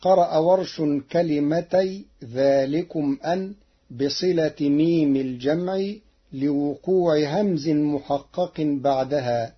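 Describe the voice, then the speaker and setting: A man teaching Quran recitation in a formal, measured way, explaining each reading with precision and intoning the verses he quotes. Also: a little high, slightly rough. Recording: muffled lo-fi recording.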